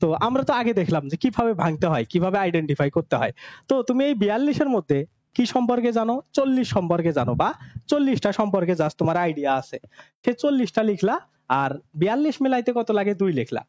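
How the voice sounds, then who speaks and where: A man teaches an admission class in a high, lively voice that swings widely in pitch. He talks in an everyday, coaxing way and keeps checking with his students. The recording is dry and dull, with a lo-fi sound. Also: fast talker, dry recording. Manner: asks questions and answers them himself, often checks "ঠিক আছে?". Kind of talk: online class lecture.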